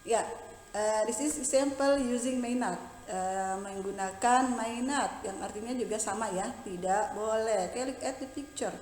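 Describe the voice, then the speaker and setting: A woman teaching English with an Indonesian accent, explaining patiently and slowly in a mix of English and Indonesian. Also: on the high side, a little mellow, echoey room, big-room sound, a little hiss or hum, poor audio. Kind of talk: bilingual classroom lesson.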